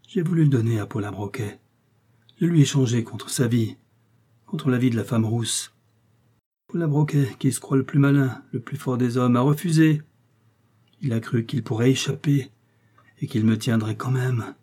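Dying villain, feverish and gloating, shouting his triumph, read by a man; husky, storybook audiobook. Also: medium pitch, moderate pace, long pauses, close to an everyday voice. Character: dying, vengeful male criminal, gloating and feverish.

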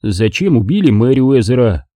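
A man's voice: mid-range voice, big pitch swings, normal speed, mellow, no room sound. A man reading an audiobook and voicing a blunt, persistent male detective who questions accusingly. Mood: pressing.

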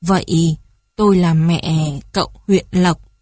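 A woman's voice: fairly low pitch, steady tone, slow pace, a little mellow, dry recording, studio quality. A woman voicing an elderly dignified mother who asks questions hesitantly in a storybook. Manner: hesitant, searching.

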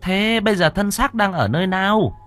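A man voicing a stern female spirit medium in a village, speaking in a solemn, measured way. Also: high voice, lively intonation, a bit bright, pitched above the performer's own voice.

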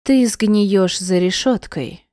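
A woman's voice: on the low side, expressive, takes it slowly, warm tone, no echo, clean studio sound. A woman reading an icy, jealous wife. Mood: icy contempt. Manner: icy, hissing and contemptuous. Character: cold, unhinged jealous young wife. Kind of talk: audiobook character reading.

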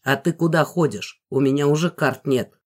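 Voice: medium pitch, moderate pace, lightly acted. A reader voicing an easygoing old father who teases and chuckles. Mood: teasing. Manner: chuckling, teasing.

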